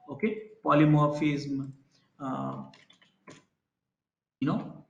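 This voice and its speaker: A man's voice: a little high, fairly bright tone, reverberant. A man teaching a live programming class, explaining concepts with everyday examples and checking in with students. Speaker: programming instructor. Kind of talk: live online class lecture.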